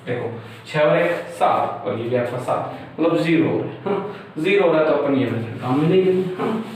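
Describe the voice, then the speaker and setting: A man's voice: a little high, a little mellow, a little hiss or hum. A young man teaching math step by step in a loose, conversational way, with frequent fillers and check-ins. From India. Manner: talks through each step, many fillers and checks. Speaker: math lecturer. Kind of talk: informal board lecture. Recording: echoey room, mic far off.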